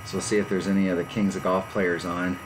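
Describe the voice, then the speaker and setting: A man in his fifties rambles casually on a live stream from his home garage, laid-back and self-deprecating. He has a deep voice and a flat, quick delivery, with background noise audible.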